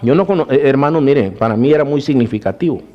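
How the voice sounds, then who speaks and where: In a muffled recording, a pastor with a mid-range voice and lively intonation preaches fast. He recounts his testimony, calls listeners "brothers," and swings between raised preaching and hushed narration.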